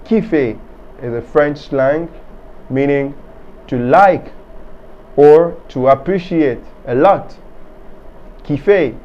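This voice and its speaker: A man teaching a beginner French lesson, calmly spelling letters and words one by one and asking the listener to repeat. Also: on the high side, lo-fi sound. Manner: slow, patient, drills letters and words one by one. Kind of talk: slow beginner language lesson.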